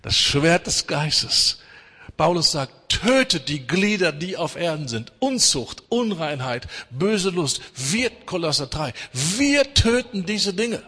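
A middle-aged man delivers a sermon with emphasis, swelling into loud exhortation and then sinking to hushed intensity. His husky voice is bright and cutting, sitting on the high side, animated but slow, and a long reverb suggests a large hall.

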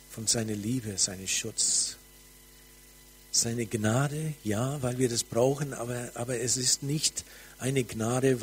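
Slow fervent male preacher, faint hum. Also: mid-range voice, rough recording. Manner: slow, fervent, drops to soft near-whispers. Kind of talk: charismatic sermon with prophetic ministry.

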